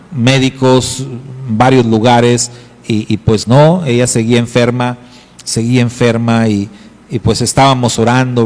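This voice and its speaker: A man's voice: mid-range voice, darkish tone, big-room sound. A middle-aged man preaching a sermon as pastor, telling a story earnestly and emphatically with frequent hesitations. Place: congregation hall.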